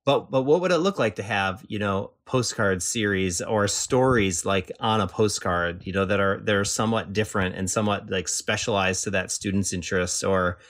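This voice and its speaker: A man's voice: fairly low pitch, normal speed, few pauses, a bit bright. A man talking casually as a podcast guest, rambling with lots of fillers and restarts. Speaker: podcast guest, enrollment strategist. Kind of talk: casual conversational chat.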